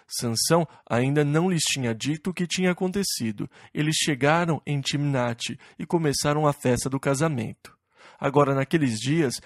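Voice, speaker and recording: A man giving an expository Bible study. He slows down to read verses and then retells them in plain, conversational words. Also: a little high, no room sound, studio quality. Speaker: Bible teacher.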